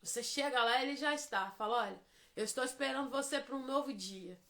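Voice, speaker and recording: Brazilian woman preacher, high bright voice, gets fervent and shouty. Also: fairly quick. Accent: Brazilian Portuguese. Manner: builds to fervent shouting, sing-song prayer. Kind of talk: live devotional sermon.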